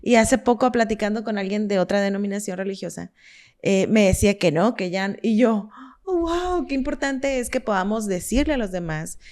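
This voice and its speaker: A woman's voice: mid-range voice, animated, moderate pace. A woman co-hosting a casual religious discussion, agreeing often and using many fillers. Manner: warm agreeing, frequent fillers. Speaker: podcast co-host.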